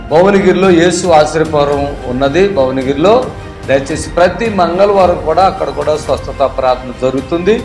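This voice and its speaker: A man making a steady, informative announcement for a ministry's prayer meetings. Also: on the high side. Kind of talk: announcement of service times. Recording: roomy hall sound. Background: music.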